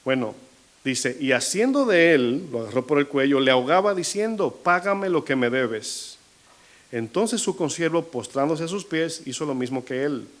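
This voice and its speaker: A man preaching a sermon in Latin American Spanish as pastor, asking the congregation questions and slowing down to stress key points. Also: fairly high pitch, lively intonation. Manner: shifting pace, slowing to stress figures.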